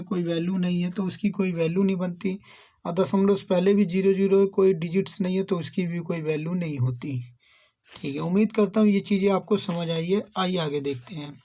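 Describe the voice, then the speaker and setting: A man's voice: high voice, dark tone, muffled recording. Male tutor, exam-prep maths lesson; asks and answers his own questions, checks in often. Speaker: maths teacher.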